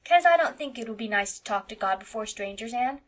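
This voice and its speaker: Here a woman performs as a mischievous farm boy of eight, blunt and insistent, defiant and full of chatter. She speaks briskly and expressively, pitching her delivery high, loud and demanding in a childlike way.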